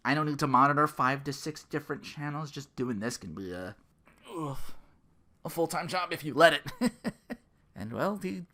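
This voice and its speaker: With a sharp tone and a mid-range voice, this content creator hosts a podcast in a loose, rambling way. The commentary is sardonic and full of profanity, and quotes frequently get acted out.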